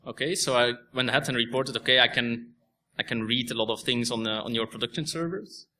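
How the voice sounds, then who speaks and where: A young Belgian man, a native Dutch speaker, gives a technical conference talk with a Belgian Dutch accent, explaining step by step and restarting often. His medium-pitched voice is a little fast, pushed and bright.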